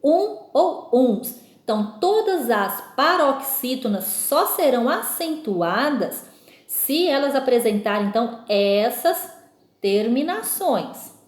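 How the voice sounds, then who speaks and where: A Brazilian woman teacher giving a recorded lesson to young pupils, slowly stressing example words and often checking in with them. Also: fairly high pitch, very animated. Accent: Brazilian Portuguese. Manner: slow, emphatic spelling-out of example words. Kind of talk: recorded remote school lesson. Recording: echoey room sound.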